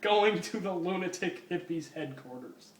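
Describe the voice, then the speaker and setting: In an echoey room with a distant mic and faint noise, a man gives a comic dramatic reading of fan fiction. His voice sits high with fairly even intonation and a slightly slow pace, and he's amused, prone to stopping to comment.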